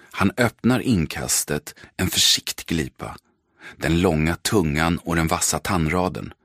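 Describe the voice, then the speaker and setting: A man narrating an audiobook in measured, terse, dramatic sentences. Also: sits low, fairly bright tone, slightly rough, no echo, studio quality. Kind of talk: scripted narration.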